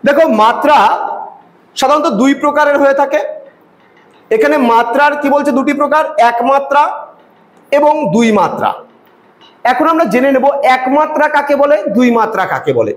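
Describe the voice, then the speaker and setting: A male teacher giving an online lecture, explaining slowly and repeating examples. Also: very high voice, animated, echoey room, poor audio.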